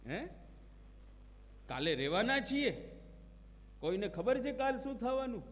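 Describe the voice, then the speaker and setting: A man's voice: extremely high pitch, very animated, a little slow, fairly bright tone. A man giving a devotional discourse, telling stories and acting out quoted prayers and dialogue. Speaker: religious preacher. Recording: long hall reverb.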